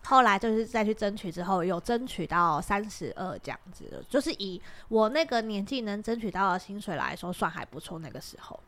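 A woman's voice: medium pitch, a little fast, hardly any pauses. A young woman with a Taiwanese Mandarin accent, telling a workplace story on a podcast and acting out the people in it. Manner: animated storyteller, acts out quoted bosses, laughs often. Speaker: podcast co-host. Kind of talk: casual chat, storytelling.

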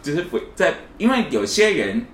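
A man's voice: sits high, big pitch swings, normal speed, a bit bright. A man, co-hosting a casual podcast chat and telling a story while acting out the quoted lines. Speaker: podcast co-host. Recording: echoey room, faint hiss.

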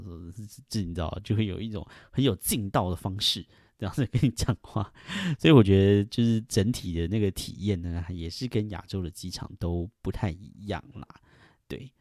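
A man's voice: low-pitched, a little mellow, no room sound, studio quality. A middle-aged man hosting a casual solo podcast, rambling and chuckling, with many fillers. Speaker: podcast host.

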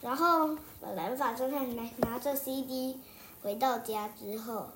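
A woman's voice: sits high, steady tone, unhurried, a bit bright, slight background noise. A young child, likely a girl, narrating an improvised story in a rambling way, restarting sentences and repeating phrases in a singsong. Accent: Taiwanese Mandarin.

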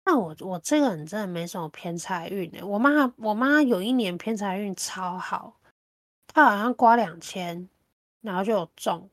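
A woman with a Taiwanese Mandarin accent, chatting casually as a podcast host and telling things in an animated, colloquial way. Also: mid-range voice, moderate pace, dry recording, studio quality. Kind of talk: casual chat.

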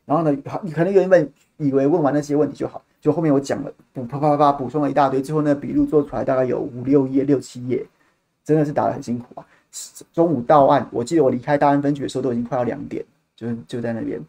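Fast-talking man. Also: medium pitch, creaky. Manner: animated, repeats words while telling a story. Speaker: podcast host. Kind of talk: casual storytelling monologue.

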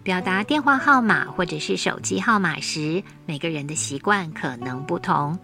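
A woman giving a podcast English lesson, saying example words slowly and carefully. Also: on the low side, animated, pushed and bright. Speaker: English teacher. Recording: faint guitar music behind.

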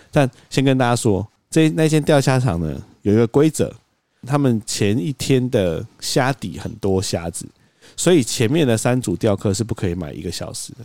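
A man, co-hosting a podcast, telling a story in an animated way and acting out quoted lines. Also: on the low side, no room sound. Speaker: podcast co-host. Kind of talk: casual storytelling chat.

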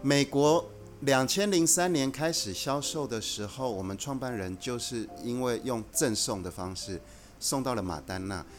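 A man who is a guest executive on a podcast, explaining his company's approach in a measured, earnest way. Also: medium pitch, expressive, faint music behind. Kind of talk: casual podcast conversation.

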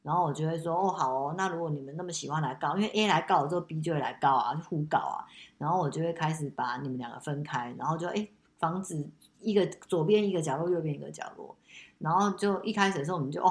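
A woman hosting a casual chat with her daughter, telling family stories in a lively way with many restarts. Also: low-pitched, fast. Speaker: podcast host and mother.

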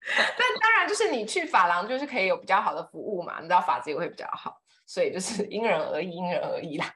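A woman's voice: lowish voice, big pitch swings, fast, a bit bright. A woman, co-hosting a casual chat and telling a rambling story full of fillers. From Taiwan. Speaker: podcast co-host.

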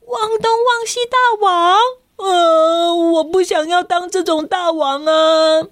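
A woman's voice: very high-pitched, fairly even intonation, slow pace, no room sound, clean studio sound, voice pushed up. A woman voicing a flustered, forgetful young schoolboy in a children's storybook reading. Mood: protesting. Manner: whiny, exasperated protests.

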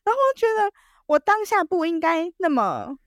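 A woman telling a story as a podcast guest, animated and full of restarts. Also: extremely high pitch, moderate pace, dry recording, clean studio sound. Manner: animated, acts out quoted dialogue, frequent restarts.

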